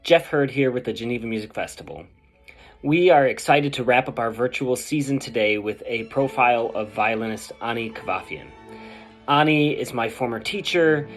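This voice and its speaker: Man introducing a festival program over soft music. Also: medium pitch. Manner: friendly, measured presentation with a few ums. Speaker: festival host. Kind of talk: scripted introduction.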